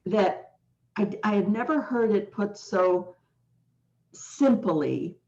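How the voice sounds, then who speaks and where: In a dull lo-fi recording, an American woman hosting a podcast interview speaks at a medium pitch with a somewhat dark, expressive tone. She talks passionately, slowly and deliberately, leaning hard on key words.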